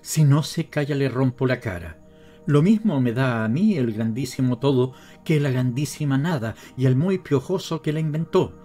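A man with a Latin American Spanish accent voicing a furious, grieving miserly father who shouts and rails bitterly in an audiobook. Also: mid-range voice, expressive, normal speed, soft background music, lightly acted.

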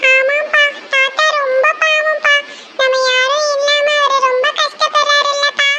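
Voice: very high voice, level tone, normal speed, full character voice. A voice actor playing a cheerful little girl in a cartoon, who talks in a sweet, chirpy way. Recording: loud hiss and clicks.

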